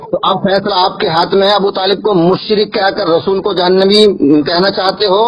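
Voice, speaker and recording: On a recorded phone call, a male Islamic cleric argues about religion, insistent and pushing his points through repetition. His husky voice sits high, with fairly even intonation and a moderate pace.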